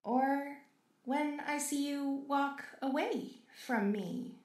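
A woman's voice: high-pitched, slow pace, a little mellow, reverberant, far from the mic. A woman playing an obsessive, lovesick female maid robot in an audio role-play, with clingy, menacing, unhinged villain sweetness. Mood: puzzled, uneasy.

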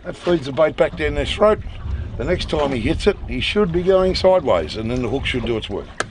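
A man's voice: fairly high pitch, very animated, brisk. A middle-aged man explaining a fishing rig step by step on a small boat at sea. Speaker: fishing host. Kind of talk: instructional commentary. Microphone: camera mic. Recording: wind and boat noise outdoors.

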